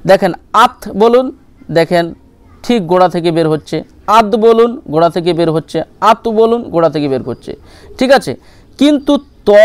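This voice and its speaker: A man's voice: high voice, smooth, dry recording. A man teaching Quran pronunciation, patiently repeating each letter sound several times.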